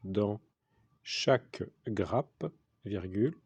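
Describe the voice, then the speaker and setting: A man dictating a text as a teacher, deliberately, in short repeated phrases with the punctuation spoken aloud. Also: fairly low pitch, lively intonation, a little mellow, husky, no echo. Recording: dull lo-fi sound.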